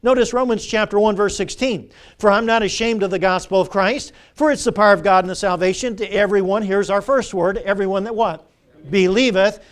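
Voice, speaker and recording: A man's voice: sits high, a little fast. A middle-aged man preaching a sermon, asking the congregation questions and repeating key phrases.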